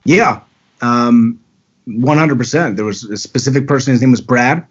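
A man's voice: mid-range voice, moderate pace, slightly rough, muffled recording. A talkative man from the Baltimore area, telling his story candidly as a podcast guest. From Baltimore area, USA. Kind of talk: casual storytelling.

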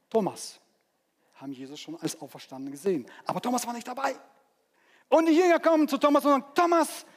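High-voiced preacher in a reverberant hall. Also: male voice. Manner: animated preaching that swings between loud peaks and hushed dramatic asides. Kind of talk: sermon. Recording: long church reverb.

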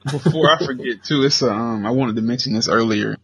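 A man guesting on a podcast, speaking earnestly and haltingly with fillers, on a lo-fi mic. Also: medium pitch, fairly bright tone, a little hiss or hum. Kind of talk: casual chat. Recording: dull lo-fi mic.

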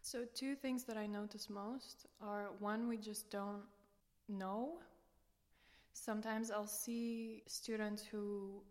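A Romanian student coach, interviewed as a podcast guest, offers a conversational explanation amid hall-like reverb. Her mid-range voice stays steady and slow, with a darkish tone.

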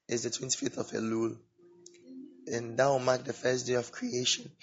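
A man hosting an informal religious teaching podcast with a sore, swollen-throat voice, speaking haltingly and repeating words. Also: medium pitch, a bit bright. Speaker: podcast host. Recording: dull lo-fi audio, music behind. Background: background music.

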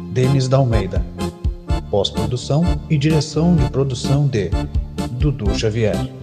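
A Brazilian man announces in the manner of an old radio serial. His voice sits at a middle pitch as he reads scripted credits. Loud music plays behind him.

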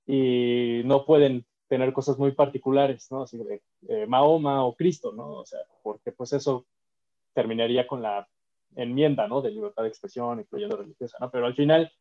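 A man, co-hosting a casual political podcast, explaining ideas slowly with many fillers and restarts. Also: medium pitch, mellow, highs cut off. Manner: thoughtful, hesitant, many fillers. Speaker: podcast co-host.

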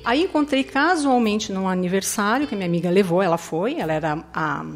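A woman's voice: mid-range voice, animated, brisk, soft background music. A woman with a Brazilian Portuguese accent giving an earnest personal faith testimony, often tagging her sentences with a questioning "né?". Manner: earnest storytelling, tags lines with "né?".

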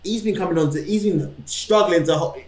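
A man with a London roadman accent and street slang, co-hosting casual football banter in an animated, emphatic way. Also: high-pitched, a little fast. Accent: London, urban roadman slang. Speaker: podcast co-host. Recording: roomy, echoing room sound.

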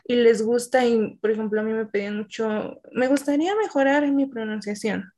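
A woman talks casually as an English teacher in an interview. Her voice sits a bit high, and she explains things at length, padding her talk with fillers. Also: normal speed, darkish tone.

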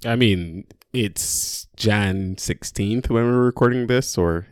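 A man chatting on a sports podcast in a loose, rambling way, with laughs slipping in. His voice sits low. The sound is dry and close to the mic. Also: takes it slowly, a little mellow, clear, resonant tone, no echo. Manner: laid-back, rambling, laughs often. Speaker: podcast co-host. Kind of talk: casual podcast chat.

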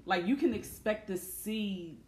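Animated woman chatting in an echoey room. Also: medium pitch, measured pace. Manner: animated storyteller, acts out quotes. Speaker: podcast host. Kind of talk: casual chat.

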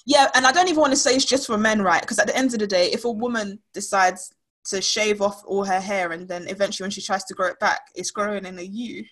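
Female host, raspy medium pitch, casual playful chat with self-interrupting storytelling. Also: steady tone, quick pace, a bit bright, rough recording.

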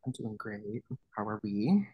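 A man's voice: on the low side, very animated, a little slow, husky, dry recording, muffled recording. A man from New York City, a guest drag performer, chatting casually and laughing often. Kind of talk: casual chat.

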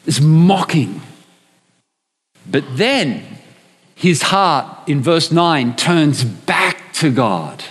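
A man's voice: fairly high pitch, fairly bright tone, slightly rough, big-room sound. A man preaching a sermon, emphatic and often asking his listeners rhetorical questions.

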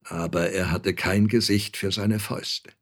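A man reading a story aloud in a calm, measured way, letting lines fade softly. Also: low-pitched. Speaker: narrator.

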